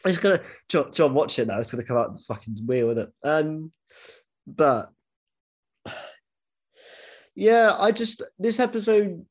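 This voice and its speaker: A man's voice: a little high, lively intonation, unhurried, pauses often. A man hosting a casual podcast chat, talking animatedly with lots of swearing and false starts. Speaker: podcast host.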